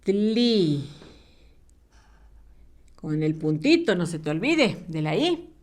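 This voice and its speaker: A woman teaching a children's phonics lesson, slowly sounding out syllables and praising each answer. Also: low voice, sing-song. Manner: slow, encouraging, repeats syllables for children. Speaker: primary school teacher.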